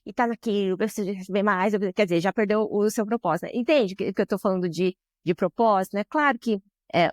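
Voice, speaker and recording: This podcast guest, a social business director, speaks in a mid-range voice with a Brazilian Portuguese accent, captured in clean studio sound without room noise. Her storytelling is full of feeling, and tag questions frequently close her sentences.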